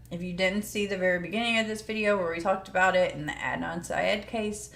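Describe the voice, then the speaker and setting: A woman's voice: lowish voice, a bit bright. A woman giving informal, plain-spoken commentary as she explains court news like a true crime host.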